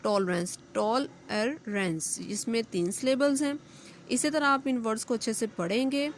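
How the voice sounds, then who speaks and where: A woman, a school English teacher giving a recorded lesson, patiently explaining step by step and reading English examples slowly. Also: sits high, a little hiss or hum. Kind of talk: recorded class lesson explaining grammar and homework.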